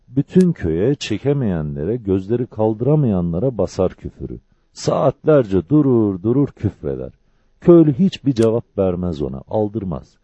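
A man reading a novel aloud as an audiobook narrator, with measured, expressive storytelling. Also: on the low side, breathy edge, no room sound. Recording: dull lo-fi dry recording.

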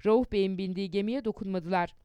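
Smooth-voiced woman narrating a history. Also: medium pitch, warm tone, no room sound. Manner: measured storytelling, quotes read with rising emphasis. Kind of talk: audiobook narration.

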